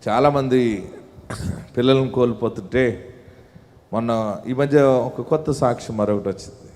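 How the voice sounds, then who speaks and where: A man's voice: medium pitch, a little mellow. A male pastor preaching a sermon, his delivery rising to pleading intensity. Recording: long hall reverb.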